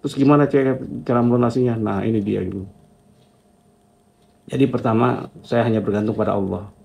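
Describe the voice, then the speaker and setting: Gravelly low-voiced man giving testimony. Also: fairly even intonation, fairly quick, highs cut off. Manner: reflective, talks in short repeated phrases with a filler at each line end. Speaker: entrepreneur telling his own story. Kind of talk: motivational personal testimony.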